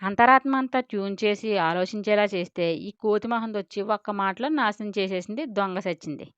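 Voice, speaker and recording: A woman narrating an audio drama story with a steady, expressive reading. Her voice is smooth and resonant and recorded dry and close. The audio is a little dull and lo-fi. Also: medium pitch, brisk, no echo.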